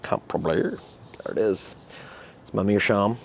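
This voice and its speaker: A man with a low voice and plenty of gravelly fry talks through a casual review. He is laid-back and halting, thinking out loud as he goes. There is faint background noise under the recording. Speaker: pipe tobacco reviewer. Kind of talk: casual unscripted product review.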